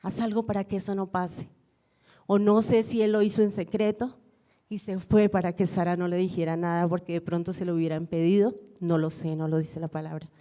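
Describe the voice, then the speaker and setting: Warm-voiced woman pastor preaching. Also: fairly low pitch, little pitch movement, fairly quick. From Colombia. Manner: storytelling, reflective, repeats phrases for emphasis. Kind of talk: sermon.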